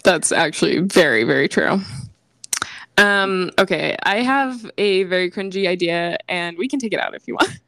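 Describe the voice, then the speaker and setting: A woman's voice: fairly low pitch, expressive, moderate pace, a bit bright, dry recording. A young woman co-hosting a casual podcast chat, giggly and self-conscious, reading aloud with feeling. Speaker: podcast co-host.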